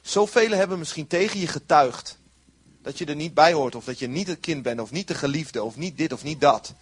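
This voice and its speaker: A man's voice: a little high, expressive, fairly quick, husky. A man preaching a sermon in an earnest way, repeating short phrases for emphasis.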